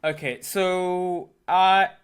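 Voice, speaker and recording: A young man from Thailand, a native Thai speaker, talking in a casual interview and pausing to search for words. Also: sits high, fairly even intonation, clear, resonant tone. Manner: hesitant, searching for words with many fillers. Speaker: interview guest. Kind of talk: casual conversation.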